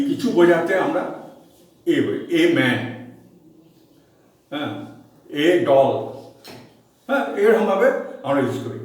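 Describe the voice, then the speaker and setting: A man's voice: on the high side, distant mic. A man with a Bengali accent teaching an online English grammar lesson in Bengali, explaining patiently, repeating examples and asking the class questions. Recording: echoey room, voice from off-mic.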